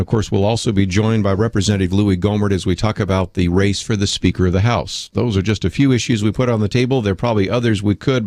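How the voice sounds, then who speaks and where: A man's voice: on the low side, darkish tone, no room sound, clean studio sound. A man hosting a radio talk show, presenting topics and calls in a broadcast style. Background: music.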